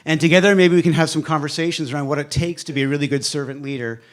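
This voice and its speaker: A man of fifty giving a motivational speech to a live audience, emphatic, with a repeated refrain and dramatic pauses. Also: on the high side, fairly even intonation. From Canada. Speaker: speaker at a live evening event.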